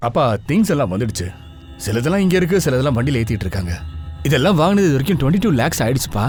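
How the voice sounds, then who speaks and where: A man's voice: medium pitch, racing, soft background music, close to an everyday voice. An actor playing a thrifty young man who protects his sister, in a dubbed TV crime drama. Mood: worried. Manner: lively, argumentative. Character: protective elder brother, thrifty son.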